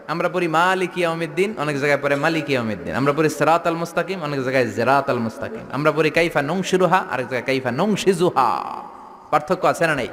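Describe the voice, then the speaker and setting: A man's voice: fairly high pitch, a bit bright, long reverb tail. A man from Bangladesh preaching a playful sermon to a large tent gathering, mimicking regional dialects and leading chants. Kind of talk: Islamic sermon to a crowd.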